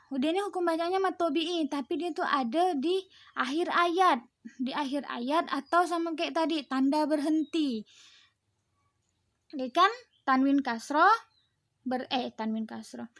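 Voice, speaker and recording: A young woman teacher explaining Quran recitation rules to her pupils, patient and chatty, drawing out the verses slowly when she recites them. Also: high voice, fairly bright tone, dry recording, studio quality. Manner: explains patiently, with checking questions; slow, drawn-out chanting of Quran verses. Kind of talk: recorded online lesson.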